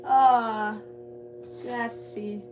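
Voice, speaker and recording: Working clay in her home pottery studio, a young livestreamer from Southern California reads viewer comments aloud, chatting casually and giggling. Her slightly high voice has fairly even intonation and drawn-out words, captured by a distant mic with music behind her.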